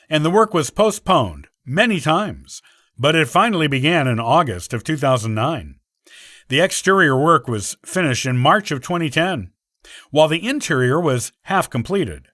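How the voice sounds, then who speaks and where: Man reading history with lively pitch. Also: no room sound, studio quality. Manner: reads evenly from a script. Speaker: podcast host. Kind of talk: scripted history narration.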